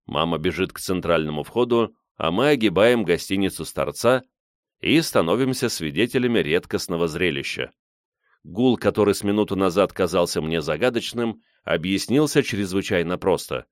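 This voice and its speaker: A man narrating a story as an audiobook in a wry, lively storytelling manner. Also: low-pitched, normal speed, no room sound, studio quality.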